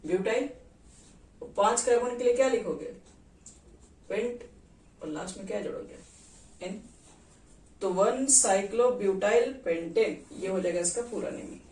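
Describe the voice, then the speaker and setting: A chemistry teacher walks through a lecture, quizzing the class and counting carbon atoms aloud. The voice sits at a middle pitch. It is picked up from a distance in an echoey room, with a faint hiss behind it. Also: a little slow, long pauses, darkish tone.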